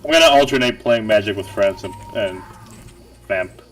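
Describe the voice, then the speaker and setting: Low-voiced man rambling as game master. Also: moderate pace, a bit bright, soft background music, rough recording. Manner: rambling storyteller, swears casually, many restarts. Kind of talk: casual pre-game chat on a voice call.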